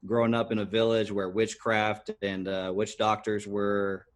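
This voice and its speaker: Earnest low-voiced man telling his story. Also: level tone. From United States. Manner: earnest, halting with many fillers and restarts. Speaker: podcast guest. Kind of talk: personal storytelling interview.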